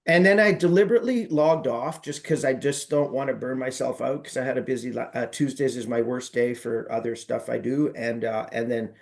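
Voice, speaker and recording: A man in casual conversation on a group call, easygoing and joking. He tells stories about his sales calls and slips into the voices of the people he quotes. His pitch sits in a middle range. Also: fairly even intonation, fairly quick, vocal fry, few pauses. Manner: storytelling, light and joking, acts out quoted voices. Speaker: sales coaching group member.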